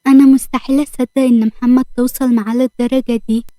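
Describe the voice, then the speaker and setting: A woman voicing a worried aunt who asks questions calmly, with an Egyptian accent. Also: high voice, fast talker, no echo, close to an everyday voice. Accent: Egyptian Arabic. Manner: calm, concerned. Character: worried caring aunt, calm.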